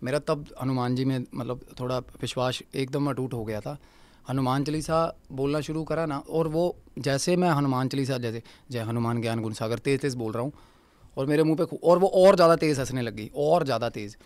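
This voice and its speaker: A man's voice: mid-range voice, normal speed, a little mellow, no echo. A man guest on a podcast, telling a ghost encounter vividly, repeating phrases for emphasis and mixing in English words. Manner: mixes English words into his speech. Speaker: guest paranormal researcher.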